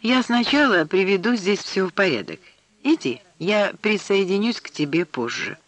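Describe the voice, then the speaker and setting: A man reading a calm, patient woman. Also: high voice, normal speed, no echo.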